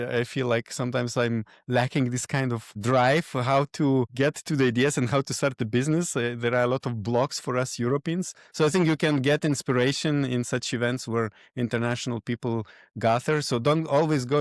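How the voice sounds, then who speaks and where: A man, a podcast guest who talks in halting phrases and searches for his words. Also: mid-range voice, steady tone, dry recording, studio quality. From Lithuania. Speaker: guest, event organizer. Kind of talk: podcast interview.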